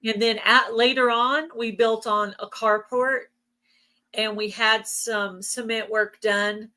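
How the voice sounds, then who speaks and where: Speaking slowly with a sharp tone, a woman with a fairly high, fairly evenly intoned voice keeps up a casual, explanatory chat. Her voice is giving out from allergies, and she clears her throat.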